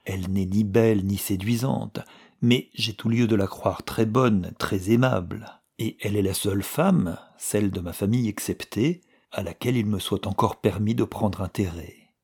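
A man's voice: on the low side, normal speed, gravelly, a little mellow, breathy edge. A man reading the part of an earnest, polite young male student in a storybook.

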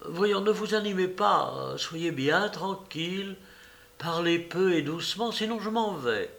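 A man reading aloud and voicing a gentle young woman who quietly nurses her sick sweetheart. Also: fairly high pitch, slow. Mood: tender, firm. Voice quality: soft, hushed. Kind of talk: audiobook character voice.

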